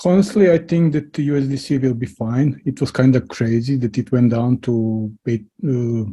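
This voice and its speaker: A man from Serbia joining a group video call, relaxed and a bit hesitant. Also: medium pitch, moderate pace, slightly rough. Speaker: guest. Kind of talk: casual group chat.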